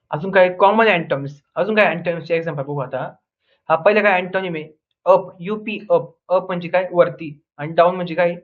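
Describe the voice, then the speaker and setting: A young man teaching an English grammar lesson, drilling word pairs with repeated questions and answers and a constant "okay". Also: high-pitched. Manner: says "ठीक आहे" constantly. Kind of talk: online lesson in Marathi. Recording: tinny phone-like audio.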